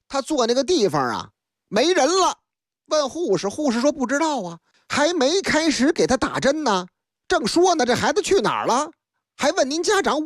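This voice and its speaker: Brief: animated female storyteller, high-set voice, dry close studio sound. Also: dry recording. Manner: rhythmic, animated, with sound effects. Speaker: radio storyteller. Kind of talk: comic folk storytelling. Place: radio studio.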